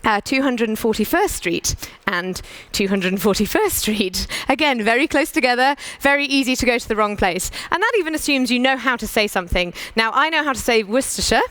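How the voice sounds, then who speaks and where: A British woman giving a conference talk, brisk and persuasive, asking the audience rhetorical questions. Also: on the high side, animated, fairly bright tone, no room sound. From United Kingdom. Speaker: conference speaker.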